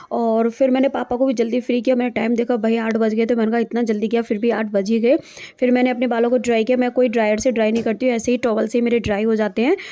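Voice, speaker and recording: A woman's voice: a little high, mellow. A young woman narrating her day in a chatty, diary-like home vlog. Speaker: vlogger.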